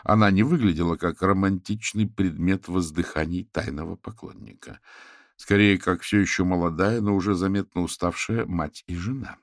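A man with a low, gravelly voice reads a novel aloud as an audiobook narrator. The sound is dry and close, with no room around him, and he tells the story steadily. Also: fairly even intonation, moderate pace, no echo. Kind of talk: scripted narration.

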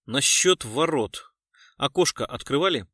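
A man voicing a calm, ironic male police colonel who speaks coldly and with authority. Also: mid-range voice, a little slow, no room sound, clean studio sound. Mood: commanding. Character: cool-headed male police colonel, dry.

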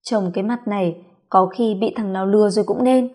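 A woman's voice: on the high side, normal speed, a little mellow, natural voice. A woman playing a blunt impatient pharmacist.

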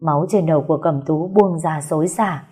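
Woman, audiobook narrator, steady storytelling, husky, dark tone. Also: low-pitched, brisk. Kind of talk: dramatic novel narration. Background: faint music.

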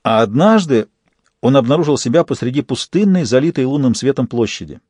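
A man giving scripted audiobook narration in a measured, even way. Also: medium pitch, dry recording.

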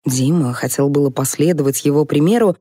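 A woman narrating an audiobook in a wry, even storytelling manner. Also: low voice, brisk, husky, no echo, clean studio sound. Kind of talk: scripted narration.

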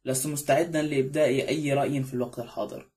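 A man's voice: mid-range voice, steady tone, rapid-fire, dark tone, natural voice. A man voicing an elderly judge who questions others in a dry, probing manner in an audiobook.

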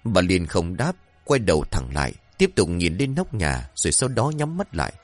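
A man's voice: deep voice, huge pitch swings, normal speed, dry recording, faint music behind. A man narrating a scripted horror story in a dramatic, suspenseful way.

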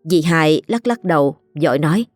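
Woman narrator, low voice, somber ghost-story narration, faint music. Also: lively intonation, moderate pace, no room sound.

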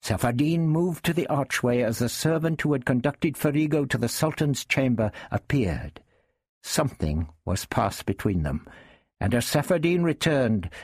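A man narrating a story in a measured, expressive reading. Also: medium pitch, slightly rough, dry recording, clean studio sound.

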